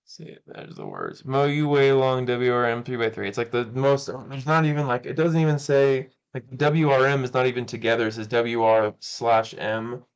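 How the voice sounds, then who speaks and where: A man's voice: mid-range voice, expressive, moderate pace, hardly any pauses, clean tone, lo-fi sound. A man hosting a live stream, chatting casually and rambling, often correcting himself and laughing. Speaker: cubing channel host.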